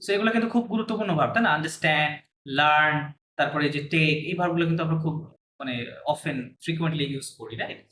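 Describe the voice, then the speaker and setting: A man's voice: fairly high pitch, fast, sharp tone. A man teaching a language class, patiently repeating words for his students to copy. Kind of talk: classroom lesson. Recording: echoey room, faint hiss.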